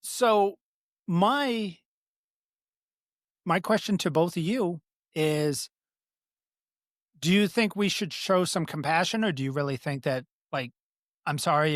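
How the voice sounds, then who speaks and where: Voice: mid-range voice, a little slow, pauses often, dry recording, clean studio sound. A podcast host with a speech impediment that turns R sounds toward W, talking politics casually in a blunt, profane way. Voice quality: speech impediment, cannot pronounce R sounds, says W for R.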